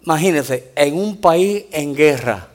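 A male pastor delivers a sermon at a church, telling his stories in a lively, animated way. His voice sits high for a man, and he keeps punctuating his points with amens. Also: slow, a little hiss or hum. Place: church in the United States.

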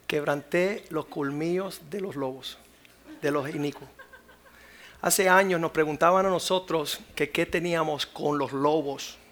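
A man preaching as a pastor, dropping to whispers and rising to loud acted quotes. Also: fairly high pitch, creaky. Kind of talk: sermon.

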